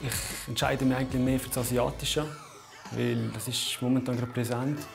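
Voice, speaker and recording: A man's voice: mid-range voice, level tone, normal speed, creaky. A man in his twenties, a chef casually explaining his cooking. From Valais, Switzerland. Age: 20s. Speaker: chef and contestant. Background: music.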